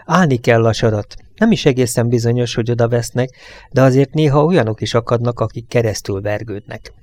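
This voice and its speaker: Male audiobook narrator, measured and even, mid pitch, dry booth sound. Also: dry recording. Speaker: audiobook reader.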